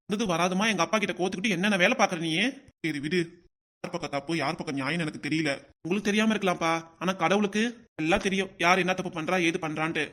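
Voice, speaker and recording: A man's voice: high voice, fast talker, a bit bright. A man voicing a stern older village father-in-law in a cartoon, scolding and lecturing his family.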